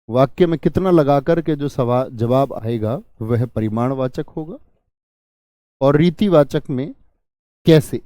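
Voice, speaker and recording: A man's voice: fairly high pitch, dark tone, no room sound, clean studio sound. A man teaching an online grammar class. He keeps asking his students questions and then answers them himself. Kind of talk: online exam-prep grammar lesson.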